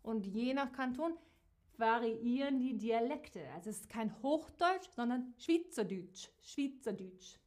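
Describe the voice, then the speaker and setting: A woman who teaches a live geography lesson to viewers, speaking slowly and clearly and repeating key words. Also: fairly high pitch, expressive. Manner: slow, repeats key words, warm direct address to viewers. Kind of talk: slow, clearly articulated live-stream lesson.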